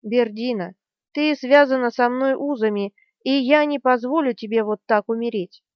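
A woman reading the part of a stubborn, calm young male hero in an audiobook, steady and earnest. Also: a little high, moderate pace, no echo, close to an everyday voice. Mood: earnest resolve. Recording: dry, slightly dull studio sound.

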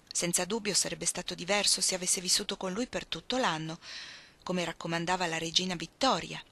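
Bright-voiced woman reading a novel. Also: lowish voice. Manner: measured, expressive literary reading. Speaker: reader. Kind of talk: scripted narration of a novel.

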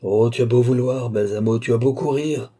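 A man's voice: lowish voice, a little slow, mellow, breathy edge. A man voicing a feverish, obsessive male sorcerer who speaks in intense, willful incantations. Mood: desperate.

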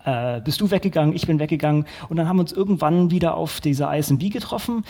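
A man hosting a casual interview podcast, talking in a relaxed, rambling way with many restarts. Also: a little high, very fast. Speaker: podcast host.

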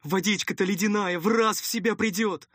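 A man's voice: sits high, brisk, fairly bright tone, no echo, studio quality, voice pushed up. A man voicing an eager, flustered young male servant who pleads anxiously in an audiobook.

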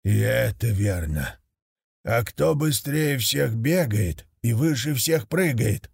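A man voicing a dying old wise male tiger in a storybook tale, speaking slowly and solemnly with a gravelly voice. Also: medium pitch, lively intonation, darkish tone, dry recording, clean studio sound, full character voice. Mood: questioning. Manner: slow, solemn instructing.

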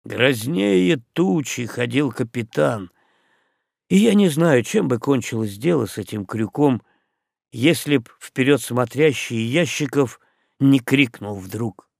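A man narrating a humorous sea tale in an expressive reading. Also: medium pitch, unhurried, vocal fry, dry recording, studio quality. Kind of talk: audiobook reading.

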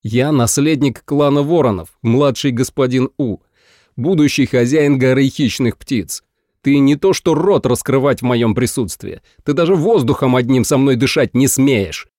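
A man's voice: mid-range voice, moderate pace, darkish tone, no echo, clean studio sound, natural voice. A man voicing a proud, arrogant young male clan heir who speaks coldly and mockingly. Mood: haughty. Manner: cold, mocking and haughty.

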